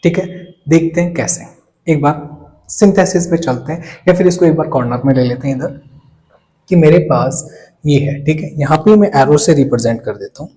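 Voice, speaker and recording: A man's voice: fairly high pitch, normal speed, warm tone, low-quality recording. A young man explains chemistry in a lecture, often asking questions and answering them himself, with playful asides. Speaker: chemistry teacher. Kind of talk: whiteboard lecture.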